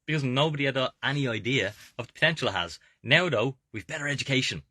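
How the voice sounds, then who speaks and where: A man's voice: mid-range voice, expressive, quick pace, bright, forceful tone, breathy edge, no echo, clean studio sound. An Irish man giving informal, motivational investment advice to viewers as a coach and video host, emphatic and often checking that listeners follow. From Ireland. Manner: emphatic, repeatedly checking with "okay?". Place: inside a camper van.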